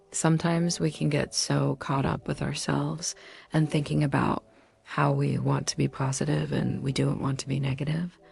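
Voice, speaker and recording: A woman narrating a scripted self-help talk in a calm, measured way, sometimes dropping to breathy near-whispers. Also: low voice. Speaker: motivational narrator.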